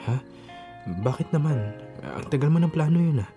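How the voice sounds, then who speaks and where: A man's voice: on the high side, normal speed, close to an everyday voice. A man playing a loving, anxious husband and father in a radio drama, speaking in an earnest, coaxing, conversational way. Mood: disappointed, pleading. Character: loving, anxious Filipino husband and father, lonely for his wife. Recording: background music under the voice.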